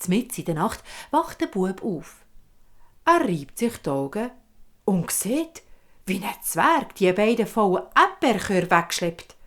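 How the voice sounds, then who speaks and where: A woman with a Swiss German accent telling a fairy tale in a vivid, expressive way. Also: medium pitch, measured pace. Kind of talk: oral fairy-tale storytelling.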